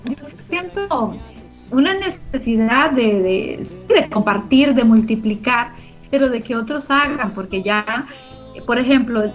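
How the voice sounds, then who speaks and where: A middle-aged woman with a Costa Rican Spanish accent, co-founder of a community radio organization, answers interview questions in a slightly high, expressive voice at a measured pace. She is earnest and emphatic, repeating phrases for emphasis, in muffled lo-fi audio with background music.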